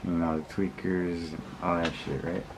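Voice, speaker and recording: Low, monotone man, noisy recording. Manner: rambling, repetitive, halting, often backtracking; slangy, blunt street talk with swearing. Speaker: vlogger. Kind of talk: casual opinion monologue to viewers. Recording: clearly noisy recording with background ambience.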